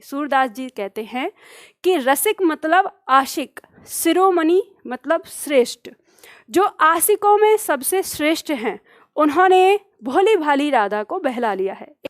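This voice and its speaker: High-voiced woman teaching literature. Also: no echo, clean studio sound. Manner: asks questions and answers them herself; explains verses line by line in plain words. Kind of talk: Hindi literature lesson.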